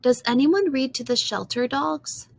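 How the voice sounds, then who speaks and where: A woman's voice: high voice, a little slow, gravelly, pitched above the performer's own voice, full character voice. A woman voicing an eager, curious young girl in a storybook reading, asking earnest, hopeful questions.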